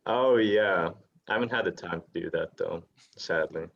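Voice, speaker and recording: A man's voice: deep voice, moderate pace, vocal fry, a bit bright, muffled recording. A young man bantering and teasing friends on a video call, laughing often. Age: young adult. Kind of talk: casual banter.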